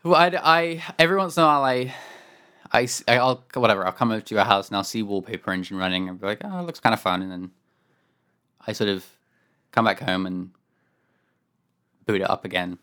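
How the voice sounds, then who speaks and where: A man's voice: on the low side, brisk, long pauses, bright, forceful tone, clean tone. A man co-hosting a podcast from home, chatting casually about a game in a rambling, wry way, often correcting himself. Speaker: podcast co-host. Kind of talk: casual chat.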